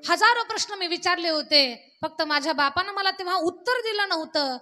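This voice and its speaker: A woman voicing a grieving old father, speaking low and slow with heavy, sobbing pauses. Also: animated, bright, forceful tone, soft background music, exaggerated voice. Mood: remorseful. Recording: long hall reverb.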